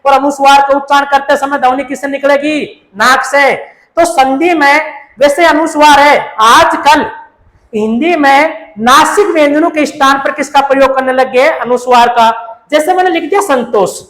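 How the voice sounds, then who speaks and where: A woman's voice: sits high, moderate pace, a bit bright. A woman, teaching a grammar lecture. She poses questions and answers them herself, repeating the key terms. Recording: echoey room.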